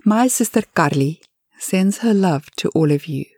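A woman's voice: on the low side, animated, unhurried, a little mellow, breathy edge, no room sound, heavily acted. A woman voicing a cheerful chatty sister. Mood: friendly. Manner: friendly, chatty.

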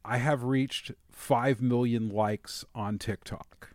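A man's voice: medium pitch, steady tone, slow, no echo, studio quality. A man hosting a casual podcast, talking in a wry, easygoing way with some hesitation. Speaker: podcast host.

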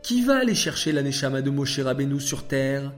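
A man voicing a calm, kind divine figure who speaks in a measured, gentle way. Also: mid-range voice, soft background music, lightly acted. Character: calm, kind divine voice addressing angels and a prophet.

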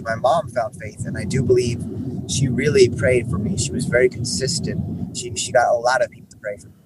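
A young man telling his faith story in relaxed conversation, rambling with many restarts. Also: medium pitch. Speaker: guest musician. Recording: background noise.

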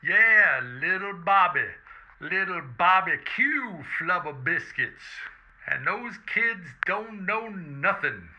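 A man's voice: sits high, lively intonation, slow pace, voice pushed up, full character voice. A man voicing a folksy, old-fashioned biscuit company owner with a blustery salesman manner, heard through a phone speaker. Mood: boastful. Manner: blustery salesman, old-timey rural talk. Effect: heard over a phone speaker. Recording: muffled phone speaker sound.

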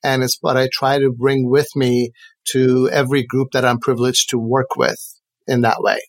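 A man in his forties from Iran, a podcast guest and educator, answering in an earnest, measured way and linking his thoughts with "and so". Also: mid-range voice, level tone, no room sound. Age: 40s. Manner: earnest, measured, links ideas with "and so". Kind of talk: reflective interview answers.

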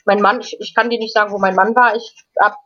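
A woman guest in an interview, telling a personal story in a casual, halting way with frequent restarts and repeated words. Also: medium pitch, fairly even intonation, a bit bright. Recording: dull lo-fi recording.

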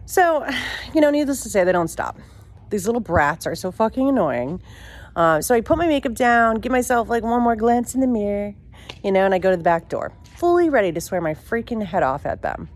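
A young woman telling a personal story in a casual, animated and profane way, mocking herself as she goes. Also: medium pitch, brisk.

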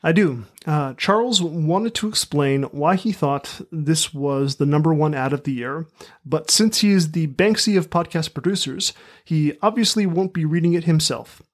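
A man's voice: on the high side, normal speed. A man speaks as co-host of a comic podcast. His delivery is dry and understated, with scripted banter.

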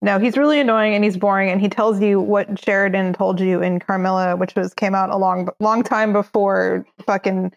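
A woman's voice: mid-range voice, steady tone, moderate pace, hardly any pauses, lo-fi sound. Woman, podcast co-host, dry, blunt, opinionated, casual. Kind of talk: casual chat.

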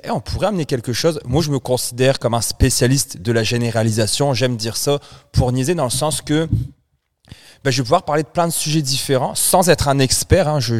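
A man in his thirties, born in France, chats as a podcast co-host. His voice sits at an ordinary middle pitch, and he rambles, restarts sentences and drifts from one thought to the next. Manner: chatty, rambling, frequent restarts. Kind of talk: casual chat.

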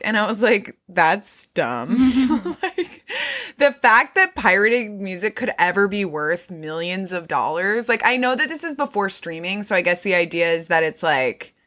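A woman's voice: mid-range voice, expressive, a little slow, fairly bright tone. A woman co-hosting a podcast, recapping a movie in loose, chatty talk full of "like" and casual swearing. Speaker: podcast co-host.

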